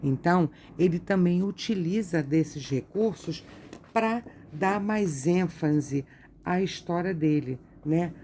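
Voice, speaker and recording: Slow, gravelly-voiced woman teacher. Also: deep voice, warm tone, slight background noise. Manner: slow explaining, tag questions after each point. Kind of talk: art lesson read from a textbook.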